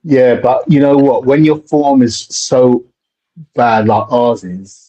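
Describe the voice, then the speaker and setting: Husky mellow man on a dull line. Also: medium pitch, slow pace. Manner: stammers on repeated words before getting a point out. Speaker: panelist. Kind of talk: casual live-stream football chat.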